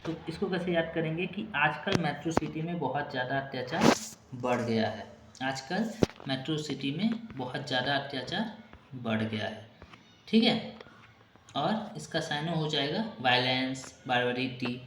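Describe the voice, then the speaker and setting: A man's voice: medium pitch, expressive, a little slow. A man teaching an exam-prep vocabulary lesson, repeating memory tricks over and over and checking in with short asides. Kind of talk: classroom-style vocabulary lesson. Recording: echoey room with clear background noise.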